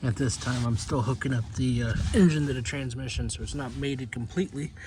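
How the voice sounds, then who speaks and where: A man's voice: mid-range voice, steady tone, fairly quick, background noise. A man giving casual, rambling how-to commentary on his own repair job, with loose, self-deprecating asides. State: out of breath. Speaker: channel host.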